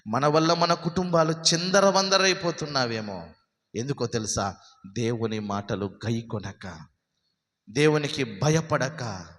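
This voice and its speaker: A man preaching a sermon as pastor, asking his listeners question after question and swinging between loud emphatic peaks and low, soft lines. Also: big-room sound. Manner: preaching with many rhetorical questions. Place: church hall.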